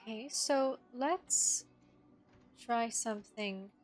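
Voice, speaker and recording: A woman's voice: fairly high pitch, takes it slowly, faint music behind. A woman streamer chatting wryly as she plays a video game and talks back to its characters. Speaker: gaming streamer. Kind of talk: casual gameplay commentary.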